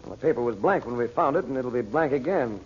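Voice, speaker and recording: A man's voice: medium pitch, animated, fast talker, lightly acted. An actor playing a shrewd, unruffled magician investigator in a radio adventure serial, talking casually and self-assuredly and muttering as he thinks. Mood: pondering, intent. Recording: muffled, noisy old radio serial recording.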